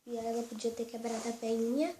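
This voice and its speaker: A woman doing a doll role-play vlog as a mother, speaking softly and often in a whisper. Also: a little high, steady tone, fast talker, background noise. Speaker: vlogger.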